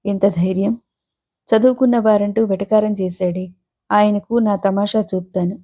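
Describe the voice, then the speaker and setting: A woman reading aloud voices a sharp-tongued young woman who is scornful and fiery. The tone stays mellow and dark at ordinary pitch. This is a storybook reading. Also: fairly even intonation, normal speed, natural voice.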